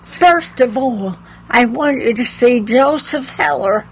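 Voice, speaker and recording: Slow-talking older woman telling bookshop tales. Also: a little high, gravelly, a little hiss or hum, low-quality recording. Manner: chatty, anecdotal, laughs at her own stories. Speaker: bookshop owner. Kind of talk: casual interview storytelling.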